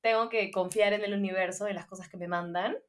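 A young woman guest in casual podcast chat, relaxed and laughing easily. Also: mid-range voice, a little fast.

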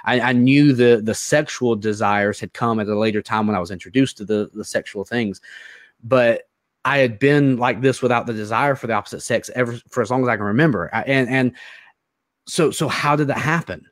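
Earnest halting man, dry close sound. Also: mid-range voice, no echo. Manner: earnest, halting, repeats words often. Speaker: interview guest. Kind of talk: personal testimony in an interview.

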